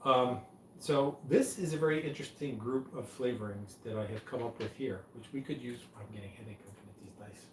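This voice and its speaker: A man's voice: mid-range voice, brisk. A man hosting a casual live show, talking in a hesitant, dry and teasing way. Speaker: live stream host. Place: pub room. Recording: roomy and distant, faint noise.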